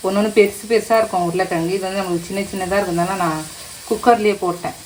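A woman hosts a relaxed home cooking vlog and speaks to her viewers as friends. Her voice sits at a middle pitch. Clear frying and sizzling sounds from the kitchen run behind her. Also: quick pace, a little hiss or hum, low-quality recording. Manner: chatty, addresses viewers as friends. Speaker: cooking vlogger.

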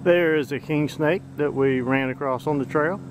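A man's voice: a little high, moderate pace, noisy background. A middle-aged man narrating a hike as he films it outdoors on a woodland trail, talking in an easygoing, folksy, plain-spoken way. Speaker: bushcraft channel host. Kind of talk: casual narration while filming on a hike.

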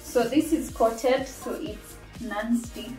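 Here the Tanzanian cooking vlogger, a young woman, speaks slowly in a warm, higher-pitched voice while walking through a kitchen appliance's parts at home in a relaxed, think-aloud review. The camera mic sits a few feet off, so the kitchen sounds roomy and distant, and background music plays.

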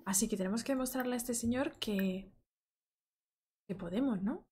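A woman's voice: on the high side, moderate pace, a little hiss or hum. A woman streaming a life-sim game, chatting casually, reading game text aloud and greeting viewers in chat. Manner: excitable, reads game text aloud, shrieks when startled.

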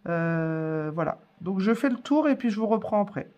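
A woman's voice: mid-range voice, expressive, normal speed, dark tone, highs cut off. Chatty woman with lots of fillers. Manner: chatty, hesitant, many fillers. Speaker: coloring tutorial host. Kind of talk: casual voice-over tutorial.

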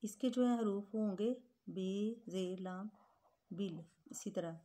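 Female teacher, slow, patient delivery, mellow tone, spells words out for young children. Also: mid-range voice. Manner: addresses pupils as children. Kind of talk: grade-school Urdu grammar lesson.

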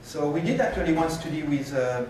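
A man giving a conference keynote and answering questions, animated and moving about the stage, recorded from a far camera in a lecture hall. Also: fairly high pitch, a little fast, a little hiss or hum. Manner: animated, gestures while pacing the stage. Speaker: keynote speaker. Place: lecture hall with projector screens. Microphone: far room camera.

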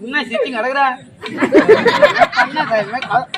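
A man with a very high, piercing voice and a rural Tamil Nadu accent, loudly telling a comic story in folk theatre. He slips into a wailing lament now and then. A large village crowd murmurs behind the stage microphone. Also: huge pitch swings, a little slow, heavy background noise. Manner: loud declaiming storytelling, breaks into wailing lament song. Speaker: koothu performer.

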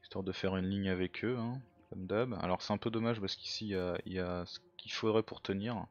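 Low-voiced man muttering through a strategy game. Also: fairly even intonation, fairly quick, muffled recording. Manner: thinks aloud, muttering to himself; self-mocking. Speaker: let's play gamer. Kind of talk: casual game commentary.

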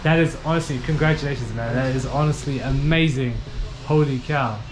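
A man's voice: medium pitch, brisk. A man in his twenties with a Somali accent, chatting enthusiastically as a travel vlogger and often repeating what he is told. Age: 20s. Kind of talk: casual chat. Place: small knife shop, indoors. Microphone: action camera at arm's length. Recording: noisy action-camera audio with street ambience.

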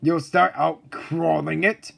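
Cartoon male drill instructor: high, husky, blustering, barking military commands. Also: steady tone, takes it slowly, heavily acted. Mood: commanding. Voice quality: gravelly, husky. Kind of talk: cartoon voice acting.

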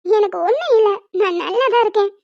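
A sly, playful young wife in a cartoon, teasing and coaxing in a cutesy tone, as a woman voices her. Her voice sits extremely high. The recording is dry and a little dull. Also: quick pace, no echo. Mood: coaxing, soothing. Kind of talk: cartoon voice dubbing.

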